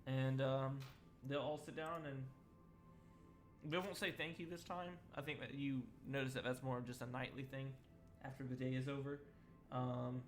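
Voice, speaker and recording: A man's voice: mid-range voice, fairly bright tone. A man narrating a tabletop role-playing game as game master, rambling and chuckling with many fillers.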